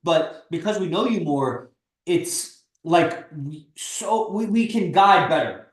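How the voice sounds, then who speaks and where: Blunt thirties guy hosting a stream, kinda high voice, echoey room. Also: animated, takes it slowly. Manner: blunt, persuasive, swears freely. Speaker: stream host and coach. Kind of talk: casual livestream pep talk.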